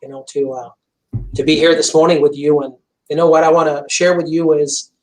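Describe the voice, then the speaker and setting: Speaking in a little high voice at a fairly quick clip, this man is a chiropractor guest being interviewed over video call, and the recording quality is low. Originally from Montreal, Canada, with French as his first language, he comes across earnest and intense but flat, peppering his talk with "you know."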